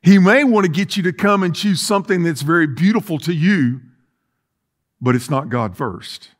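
A middle-aged pastor preaches a sermon inside a large indoor church sanctuary filled with rows of chairs. His voice is fairly high and animated, moving at a normal speed as he paces, gestures, and restarts earnestly.

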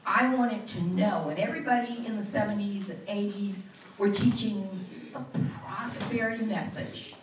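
A woman's voice: mid-range voice, moderate pace, slight background noise. Older woman testifying from a church pulpit. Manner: earnest, building to fervent bursts. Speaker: church minister. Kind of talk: testimony speech. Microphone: handheld mic, far camera. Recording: roomy church sound from far off.

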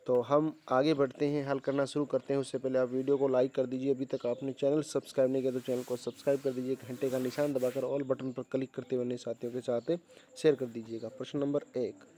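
A man's voice: mid-range voice, flat delivery, fast talker, dark tone. A male teacher going through an exam paper, repeating questions back to his students and spelling words out letter by letter. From India.

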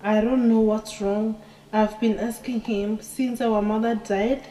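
A young woman playing a bedridden sister sick with TB, who speaks in a weak, halting way in an amateur film drama. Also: on the high side, level tone, dark tone, lightly acted. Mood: tearful. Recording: echoey room, faint background noise.

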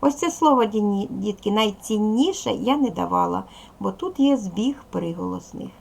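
A woman teacher with a Ukrainian accent, giving a slow and clear lesson to young pupils and spelling out sounds one by one. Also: medium pitch, expressive, darkish tone. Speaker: primary school teacher. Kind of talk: slow, clear classroom instruction.

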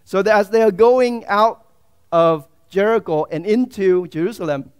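A man preaching a sermon as a pastor in a church, swinging from loud, fervent declarations to hushed, quiet asides. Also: high voice, moderate pace, smooth.

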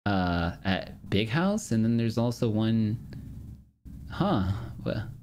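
A man in his thirties streaming from home, chatting casually as he watches old match videos, excitable and quick to cheer and laugh. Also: fairly low pitch, slight background noise. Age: 30s. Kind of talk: casual reaction chat.

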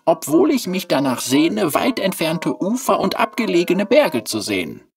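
A narrator playing Fiyerem, a shy and charming porcelain clockwork boy who speaks slowly and softly in a storybook reading. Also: medium pitch, very animated, recorded from a distance, over music, voice pushed up.

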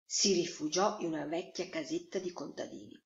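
A woman storyteller reading a fairy tale to children in an expressive, sing-song way. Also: deep voice, normal speed. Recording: roomy echo, slightly dull sound.

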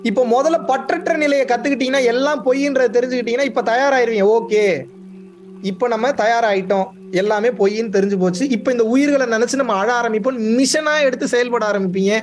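Spiritual teacher guy, really high voice, lots of rhetorical questions, faint music behind. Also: fast. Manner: asks rhetorical questions, repeats words for stress. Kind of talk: spiritual discourse to a class.

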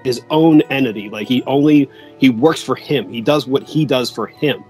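A man's voice: medium pitch, normal speed, a little mellow, faint music behind. A man, a podcast co-host, talking in a casual, agreeable way with lots of fillers over a video call. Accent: Philadelphia. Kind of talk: casual chat.

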